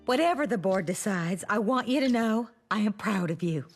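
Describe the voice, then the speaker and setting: A woman voicing a self-important, bossy middle-aged mom who coaches a halftime show in an animated comedy. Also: medium pitch, normal speed, over music, lightly acted.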